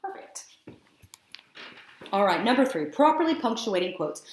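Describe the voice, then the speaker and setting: A woman's voice: mid-range voice, big pitch swings, normal speed, slight background noise. A woman teacher narrating a screencast lesson in an explanatory, conversational way with some fillers. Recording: roomy echo.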